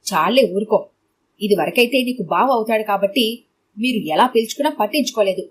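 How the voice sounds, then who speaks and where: A woman's voice: medium pitch, a little fast, breathy edge, close to an everyday voice. A woman doing a fussing loving mother. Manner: fond, anxious. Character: caring middle-aged mother, fussing.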